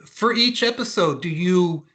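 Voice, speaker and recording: A man interviewing a guest, agreeing warmly and asking questions about his work. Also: high-pitched, measured pace. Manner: friendly, agreeable, asks questions.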